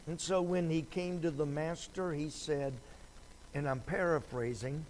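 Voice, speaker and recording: A man teaching a Sunday Bible lesson in a slow, conversational preaching style, with dry sarcastic asides. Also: on the high side, fairly even intonation, darkish tone, a little hiss or hum, poor audio.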